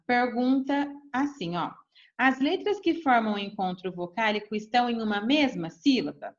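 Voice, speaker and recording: A woman teacher, patiently explaining a grammar lesson step by step to children and often checking in with "tá bom?". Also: a little high. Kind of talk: recorded remote lesson. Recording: dull lo-fi recording.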